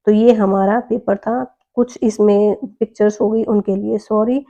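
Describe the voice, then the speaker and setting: A woman tutor works through an exam paper, reading each question out slowly and then explaining it step by step. Her voice is very dark and mellow, and the recording sounds dull and muffled. She keeps asking questions and answering them herself. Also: medium pitch, fairly even intonation, gravelly. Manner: reads English questions slowly, explains in Hindi. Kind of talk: exam paper walkthrough lesson.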